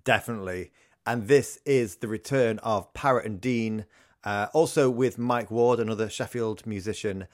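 Dry-humored man, low voice. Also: moderate pace, dry recording. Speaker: podcast co-host. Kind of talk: casual music review chat.

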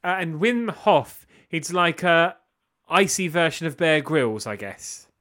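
Guy gushing about an album, bright tone, casual podcast chat. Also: on the high side, big pitch swings, takes it slowly. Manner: enthusiastic, gushing. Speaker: podcast co-host. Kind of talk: casual music review chat.

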